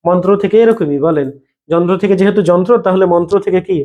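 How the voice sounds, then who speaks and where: High-voiced man teaching a live class. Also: quick pace, highs cut off. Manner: repetitive, checks in with students by name. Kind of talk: live online grammar class.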